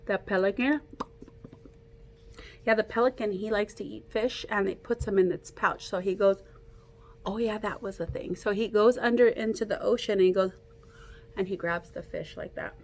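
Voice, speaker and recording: Teacher-style, a woman reads a picture book aloud to kids, playful and animated as she coaxes them to participate. Her voice sits in the mid-range, her speed is normal, and she takes long pauses.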